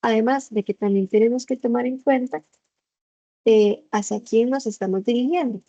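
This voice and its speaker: A woman teacher explains things patiently in an online class. Her voice is mellow and rather dark. The sound is dry and a little muffled, as if it comes through a computer microphone on a video call. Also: a little high, moderate pace, dry recording. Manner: patient explaining, acts out examples.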